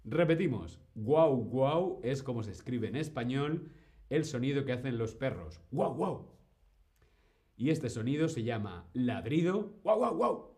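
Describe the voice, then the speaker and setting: Man, live-stream language teacher, slow and deliberate. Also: medium pitch, lively intonation, dark tone. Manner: slow, clear, greets chat by name, imitates animal sounds.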